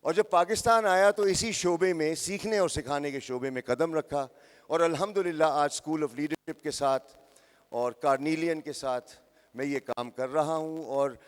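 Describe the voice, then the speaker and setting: A man in his sixties giving a motivational talk to young people, addressing the crowd directly and repeating phrases for emphasis. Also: a little high. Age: 60s. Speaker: motivational speaker. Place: large hall with live audience. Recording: echoey hall.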